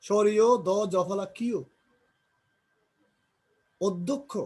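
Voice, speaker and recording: A man teaching a grammar lesson, slowly drilling pronunciation, repeating example words and asking and answering his own questions. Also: sits high, darkish tone.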